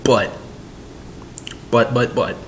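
A man's voice: medium pitch, steady tone, very slow, a little hiss or hum. A young man in his twenties giving casual sports commentary on his home vlog, rambling with lots of fillers and repeats, recorded on a webcam in a small room. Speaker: sports vlogger. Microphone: webcam at desk.

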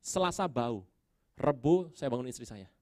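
A man preaching in a storytelling manner, voice sitting in an ordinary middle pitch. He chats with the congregation, chuckles, and acts out scenes with sudden loud outbursts. The sound is close and dry, with no room echo. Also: moderate pace. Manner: animated, acts out his own prayers and dialogue with sudden loud outbursts; conversational, chuckles while telling stories. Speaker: pastor. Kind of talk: storytelling sermon.

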